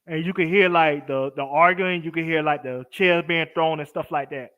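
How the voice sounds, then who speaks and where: Man, casual co-host, bright tense voice, slightly high, laid-back. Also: fairly even intonation, moderate pace. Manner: easygoing, hesitant, lots of fillers. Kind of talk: casual live-stream chat.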